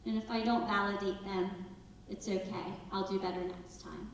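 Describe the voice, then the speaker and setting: A woman's voice: mid-range voice, steady tone, normal speed, slight background noise. A woman in her thirties giving an earnest, conversational talk to parents at a school, sometimes acting out family conversations. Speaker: school presenter. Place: school auditorium. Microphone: far from the recording device. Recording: echoey hall, distant mic.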